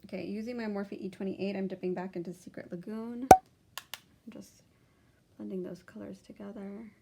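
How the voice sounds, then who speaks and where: Young woman, beauty vlogger, gravelly fry in the voice, chatty step-by-step makeup tutorial delivery. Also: mid-range voice, steady tone, brisk, noisy background. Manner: chatty, talks through each step of applying makeup.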